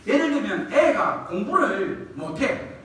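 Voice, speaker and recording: Man, revival preacher, animated delivery, echoey church hall, distant mic. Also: sits high, a little slow, noisy background. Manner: lively, colloquial, asks the congregation questions and acts out quoted scolding. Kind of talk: revival sermon with call and response. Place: church sanctuary.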